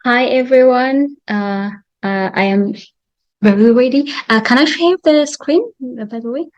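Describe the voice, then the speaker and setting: A woman from Ethiopia presenting her research on a video call, halting with frequent fillers and restarts. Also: fairly high pitch, darkish tone, lo-fi sound. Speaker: presenting fellow.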